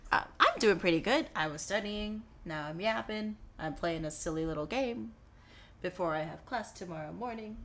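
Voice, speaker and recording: A woman's voice: mid-range voice, lively intonation, moderate pace, a bit bright, a little hiss or hum. A woman in her twenties chatting casually on a live stream while gaming, rambling with lots of fillers and offhand swearing. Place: her dorm room.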